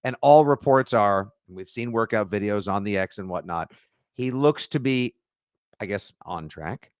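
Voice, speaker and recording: Brief: New man, lively podcast co-host, riffs and jokes, dry close mic. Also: on the low side, normal speed, clear, resonant tone, no room sound. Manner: animated, jokey, slips into silly voices. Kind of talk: casual sports podcast chat.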